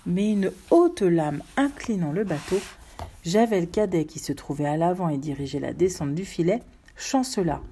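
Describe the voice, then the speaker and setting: A woman reads a story aloud with measured, expressive phrasing. Her voice is fairly low and dark in tone, with a husky edge.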